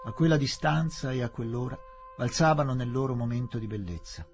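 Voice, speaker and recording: A man reading a novel aloud for radio in a measured, expressive manner. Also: medium pitch, music in the background. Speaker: audiobook reader.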